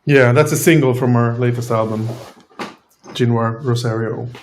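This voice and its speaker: A man's voice: mid-range voice, steady tone, normal speed, darkish tone, a little hiss or hum. A man, a musician in a band, talking casually in an interview and hesitating often with fillers. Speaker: band member.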